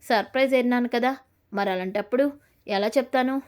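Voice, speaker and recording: A woman voicing a caring young husband who looks after his wife and teases her gently. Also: fairly high pitch, a little fast, lightly acted. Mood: teasing.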